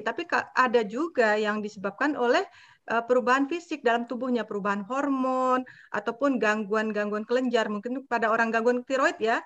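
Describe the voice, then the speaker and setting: A woman co-hosting a podcast, explaining things in a calm, casual way. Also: on the high side. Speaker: podcast co-host. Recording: slightly dull lo-fi sound.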